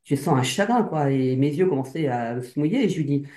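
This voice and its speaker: Hesitant woman with a mellow voice. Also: sits low, expressive, brisk. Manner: hesitant, full of fillers and restarts. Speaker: hypnosis client. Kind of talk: casual personal account. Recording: roomy echo.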